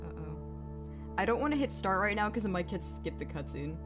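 A chatty woman narrates her gameplay in a bouncy voice that leaps up and down in pitch. She laughs easily and jokes at her own expense. Game music plays clearly behind her. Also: expressive, a little fast. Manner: chatty, giggly, self-mocking asides. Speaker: streamer. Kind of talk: casual gameplay commentary. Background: game soundtrack music.

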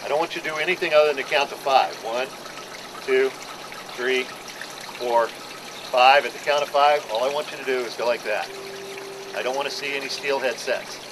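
On the deck of a docked boat, a middle-aged fishing captain gives a charter group a practical, plain-spoken briefing. His medium-pitched voice moves at a moderate pace with frequent pauses, picked up by a camera mic a few feet away amid clear outdoor background noise.

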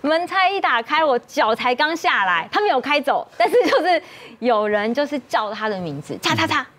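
A woman's voice: high-pitched, moderate pace. A woman, a talk show guest telling a personal story with frequent laughter. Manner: animated, laughs often while telling her story.

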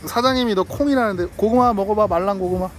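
A man's voice: high-pitched, fast talker, soft background music. A man vlogging outdoors, chatting playfully with dogs and their owner in a coaxing, friendly way and laughing often. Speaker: delivery driver vlogger. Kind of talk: casual talk to dogs and owner.

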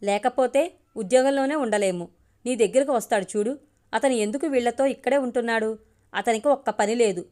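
A woman's voice: a little high, brisk, darkish tone, natural voice. A woman voicing a gossipy male security guard in a storybook reading, confiding and chatty.

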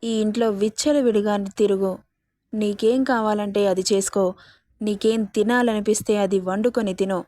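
Voiced by a woman, a domineering young rich villain from a storybook issues orders with menacing, possessive threats. He speaks at a middle pitch and normal speed in a steady, dark tone. The sound is close and dry with no echo, close to an everyday voice.

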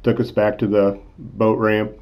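A man's voice: on the low side, little pitch movement, a little slow, clean tone, muffled recording. A man in his sixties casually narrating his fishing trip, easygoing, with frequent "uh" fillers. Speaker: channel host, accountant. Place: in a car, then voice-over.

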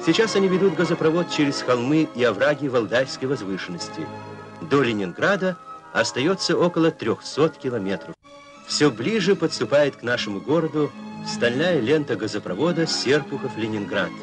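A man reads an old newsreel voice-over in a formal, declaiming announcer style. His pitch swings widely and expressively as he presents each item. Clear music plays under his voice throughout. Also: lively intonation, normal speed. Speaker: newsreel narrator.

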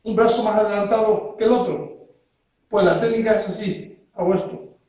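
A man teaches self-defense moves one step at a time and keeps checking that his learner is following. His voice sits fairly high. It rings out in a strongly echoing room. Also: steady tone, normal speed, dark tone, lo-fi sound. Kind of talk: hands-on technique demonstration. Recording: very echoey room.

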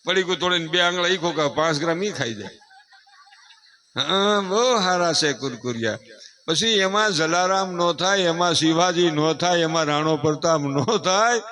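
Bright high-voiced male storyteller. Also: moderate pace. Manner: playful, acts out voices of mothers and family members; rising to emphatic declamation. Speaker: folk speaker addressing an audience. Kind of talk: folksy moral talk to a live audience.

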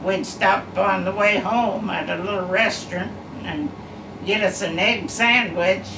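A great-grandmother sits in her living room armchair, casually reminiscing and rambling unhurriedly through family stories with many uhs. Her mid-range voice has fairly even intonation. A camera across the room captures the echoey space and a background hum.

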